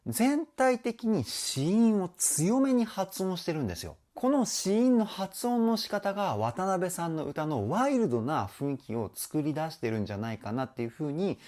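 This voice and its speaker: A man's voice: a little high, darkish tone. A man working as a vocal coach, explaining a song's technique with eager, frequent praise. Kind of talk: song analysis commentary.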